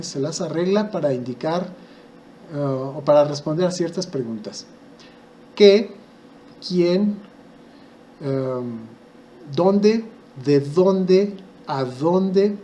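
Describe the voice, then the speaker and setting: A Mexican-accented man gives an explanatory video lesson in a voice pitched a touch above average. He walks through each point patiently, asking himself questions and filling pauses with soft hesitations. A faint hiss sits under his voice. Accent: Mexican Spanish. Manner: patient, explaining step by step with rhetorical questions and frequent "eh" fillers. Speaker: Russian language teacher.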